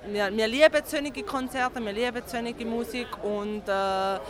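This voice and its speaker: A woman's voice: fairly high pitch, normal speed, over music. Hesitant young woman. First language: Italian. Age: 20s. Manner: hesitant, friendly. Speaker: festival visitor. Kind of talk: vox pop interview. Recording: outdoor festival crowd.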